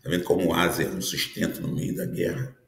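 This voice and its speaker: Fairly quick and lively in intonation, a low male voice rings out in a reverberant space. The speaker is a pastor in his fifties earnestly teaching a prophetic sermon, peppering it with tag questions for his audience.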